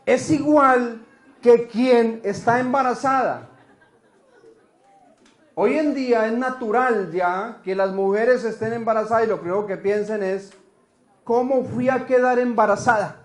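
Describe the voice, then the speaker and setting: A man preaching a lively sermon, telling stories and asking the congregation questions. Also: very high-pitched, measured pace, reverberant. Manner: animated storytelling, asks the congregation questions.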